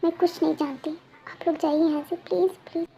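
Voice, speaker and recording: A young woman voicing a frightened younger sister in a fan-made story, quiet and pleading. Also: very high voice, little pitch movement, a little fast, creaky, poor audio.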